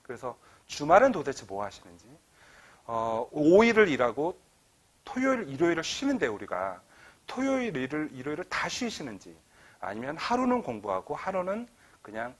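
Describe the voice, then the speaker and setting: A man's voice: fairly high pitch, normal speed. A middle-aged man giving an author talk to an audience, telling stories and acting out quoted dialogue. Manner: animated storytelling, acts out quoted dialogue. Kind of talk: lecture to an audience. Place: lecture hall.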